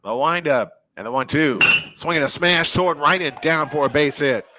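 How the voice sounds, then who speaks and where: A man calling live baseball play-by-play at a high school ballpark in a chatty, jokey, old-school style. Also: normal speed, very noisy. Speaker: play-by-play announcer.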